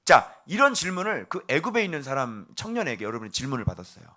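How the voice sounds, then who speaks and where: A middle-aged male pastor with a medium-pitched voice delivers a morning devotional sermon. He is animated, quizzing his congregation directly, then drops to a hushed, slow voice for key words.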